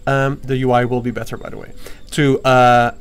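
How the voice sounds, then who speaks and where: Excitable man chatting through a game stream. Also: medium pitch, moderate pace, clean tone. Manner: excitable and playful, rambling with many fillers. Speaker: game developer streaming his game. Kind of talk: casual live-stream gameplay commentary.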